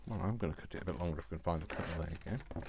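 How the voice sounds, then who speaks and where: This very low-voiced man talks rapid-fire while leading a laid-back craft tutorial, musing aloud and playfully mumbling short phrases over and over. Clicks and obvious background noise are audible.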